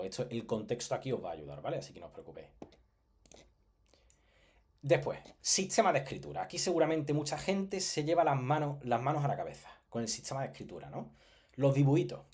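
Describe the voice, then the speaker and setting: A man's voice: medium pitch, darkish tone. Chatty Spanish man teaching a lesson. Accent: Spain Spanish. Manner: chatty, jokey and digressive, with frequent "¿vale?" check-ins. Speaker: Japanese teacher. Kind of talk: casual online lesson presentation.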